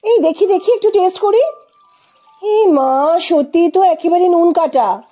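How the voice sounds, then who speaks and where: A woman voicing a fussy young woman who scolds and exclaims in a shrill, high voice. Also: expressive, unhurried, warm tone, highs cut off, faint music behind. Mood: scolding.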